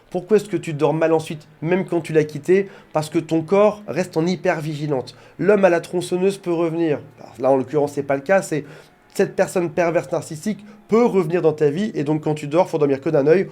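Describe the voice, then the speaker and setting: A man's voice: a little high, mellow. A man working as a relationship coach, explaining things directly to his viewers in an informal talk, with joking asides. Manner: jokey asides.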